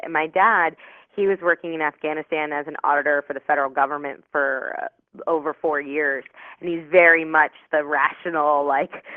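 A woman in her twenties with a low voice calls into a radio show as a psychic medium guest. She rambles bubbly, full of fillers, over a tinny, dry phone line with no echo.

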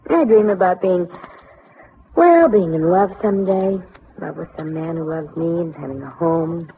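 Casting: actress as sweet, dreamy young woman, folksy, a little gravelly, old radio sound. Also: lowish voice, moderate pace, a little hiss or hum, close to an everyday voice. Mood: wistful. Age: young adult. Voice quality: folksy, homespun talk. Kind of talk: 1940s radio acting. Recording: dull 1940s radio recording.

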